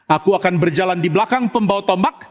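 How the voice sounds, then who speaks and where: A man's voice: high voice, quick pace, natural voice. A man voicing a proud, devoted young archer who boasts about his aim. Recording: echoey church hall.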